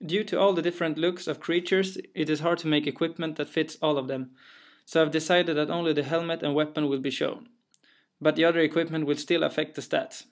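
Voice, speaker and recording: With a somewhat high voice and fairly even intonation, a young Swedish-accented developer briskly walks through his game. His English is careful and plain, slightly hesitant, with some fillers.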